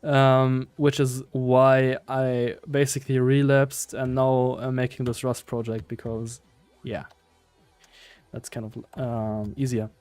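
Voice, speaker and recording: Man, German accent, slow pace, smooth clear voice, casual live-coding commentary, hesitant thinking aloud. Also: medium pitch, completely flat delivery, a little mellow, no room sound, soft background music. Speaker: live-streaming programmer.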